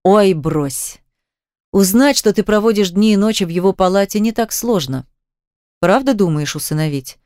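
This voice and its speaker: A woman's voice: medium pitch, lively intonation, moderate pace, warm tone, dry recording, clean studio sound, lightly acted. A woman voicing a smug, menacing male boss. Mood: mocking. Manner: coercive, mocking, threatening.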